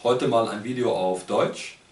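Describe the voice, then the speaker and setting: A man's voice: medium pitch, unhurried, distant mic, a little hiss or hum. A man from Munich with a Bavarian accent, a YouTuber doing playful imitations of German regional dialects in a casual vlog. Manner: hops between German dialect voices. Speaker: language YouTuber. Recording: echoey room, voice a bit off-mic.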